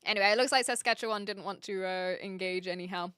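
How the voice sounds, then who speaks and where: Speaking quickly in a mid-range, pushed, bright yet smooth voice, this woman reads out and replies to comments from her livestream audience. She's from Hamilton, New Zealand, has a light local accent, and jokes at her own expense. The sound is dry and of studio quality.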